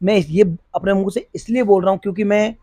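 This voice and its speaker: A middle-aged policeman talks earnestly about his work, pausing and restarting as he hunts for words. His voice sits high for a man. The sound is dry and close, with almost no room echo. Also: steady tone, dark tone. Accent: Hindi. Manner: earnest, repeats and restarts while searching for words. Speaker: police officer running a free school. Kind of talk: interview answers.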